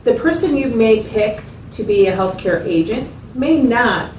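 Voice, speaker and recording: A woman with a slightly high, somewhat mellow voice plays a methodical mental health facilitator in a dramatized one-to-one session. She talks unhurriedly with lively intonation, patiently explaining step by step and checking she's understood. The sound is roomy and noisy, from a distant mic.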